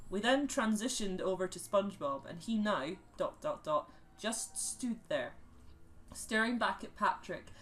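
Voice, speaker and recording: A man's voice: sits high, animated, a little slow, fairly bright tone. A man reading a bad horror story aloud in a mock-dramatic way, dragging out words and reading the punctuation. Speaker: reader of a creepy story.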